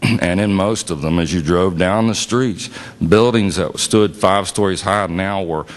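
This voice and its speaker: A man's voice: low voice, measured pace, long reverb tail. A man telling a personal story to an audience in a casual, plainspoken way with frequent fillers. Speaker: invited speaker and musician. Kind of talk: storytelling talk.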